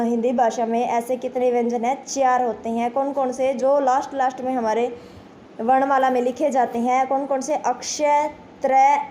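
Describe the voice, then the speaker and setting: A woman's voice: high voice, warm tone, a little hiss or hum. A woman teaching a grammar lesson to exam students, explaining step by step, asking questions and answering them herself. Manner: addresses pupils as children, repeats "ठीक है".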